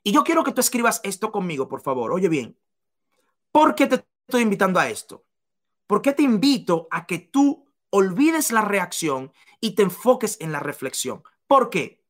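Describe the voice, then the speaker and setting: A woman's voice: mid-range voice, sing-song, moderate pace. A woman giving a motivational seminar talk to business leaders, emphatic and repeating key phrases to the listener.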